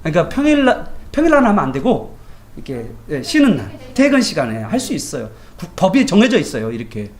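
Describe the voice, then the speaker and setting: A man's voice: high voice, brisk. A male pastor giving a morning devotion sermon in a colloquial, anecdotal way, often asking his listeners rhetorical questions. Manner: animated, colloquial, tells everyday anecdotes; asks the congregation rhetorical questions.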